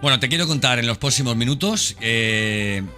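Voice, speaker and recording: Over background music, a male podcast host delivers an unscripted, informal monologue directly to the listener at a moderate pace. His mid-range voice has lively intonation, and he keeps repeating phrases to drive points home.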